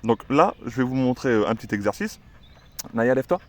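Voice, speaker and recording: Un homme qui explique le dressage de son chien en vlog décontracté, avec beaucoup d'hésitations. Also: male voice, medium pitch, lively intonation, quick pace. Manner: chatty, many "euh" fillers, gives commands to the dog. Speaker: dog trainer and channel owner. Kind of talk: casual explanatory vlog with a dog.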